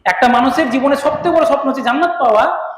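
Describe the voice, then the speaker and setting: A man's voice: extremely high pitch, quick pace. A man teaching a religious lesson to a class, asking questions and calling on students directly. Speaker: Islamic teacher. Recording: echoey hall with long reverb.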